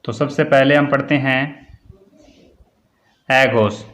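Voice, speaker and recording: Slow, flat-voiced male Hindi teacher. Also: medium pitch. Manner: slow, repetitive dictation, word by word. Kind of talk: classroom grammar lesson.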